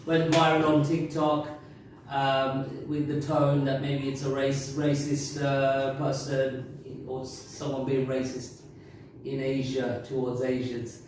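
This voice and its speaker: A man's voice: mid-range voice, monotone, takes it slowly, a little mellow, a little hiss or hum. A man interviewing a guest in a casual chat, prompting him with short questions. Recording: very echoey room from far off.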